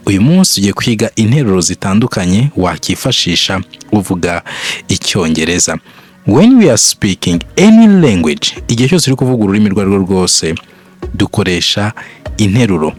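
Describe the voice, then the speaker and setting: A man teaching English phrases in a bilingual lesson, repeating each example sentence slowly before explaining it. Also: lowish voice.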